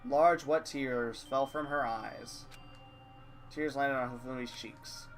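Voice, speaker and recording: A man's voice: mid-range voice, takes it slowly, soft background music. A man hosting a let's play, reading game text aloud and adding casual commentary.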